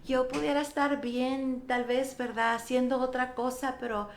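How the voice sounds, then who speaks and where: The room sounds echoey as a middle-aged woman pastor speaks at a moderate pace in a high-pitched voice. Interviewed on radio, she brings her testimony to life by acting out the dialogue she recalls.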